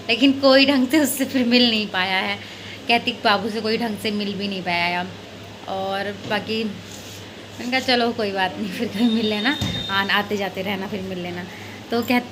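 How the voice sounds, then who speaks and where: A woman's voice: on the high side, noisy background. A young woman chatting casually in a home vlog, rambling through her day. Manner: chatty, rambling, self-narrating daily errands. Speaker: family vlogger.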